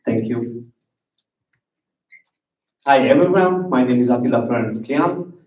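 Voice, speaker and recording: Slow, mellow man from Hungary. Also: mid-range voice, animated. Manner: halting, non-native phrasing. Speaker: startup founder pitching. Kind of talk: short pitch talk. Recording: roomy, distant, dull sound.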